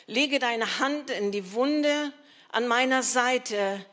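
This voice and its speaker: A woman's voice: a little high, slow pace, a bit bright. A woman preaching a sermon in an earnest, emphatic, conversational way, with rhetorical asides to the congregation.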